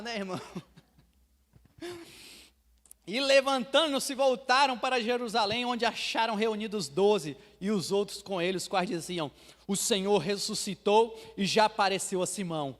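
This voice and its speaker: A Brazilian pastor from Bahia preaching a sermon, swinging from hushed asides to loud proclamations and acting out believers for laughs. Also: male voice, high-pitched, moderate pace. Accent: Brazilian Portuguese, Bahia. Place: church sanctuary. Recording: long hall reverb.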